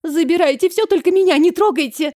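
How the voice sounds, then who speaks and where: Woman doing a shrill, terrified young elf woman. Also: a little fast, a little mellow, dry recording, clean studio sound.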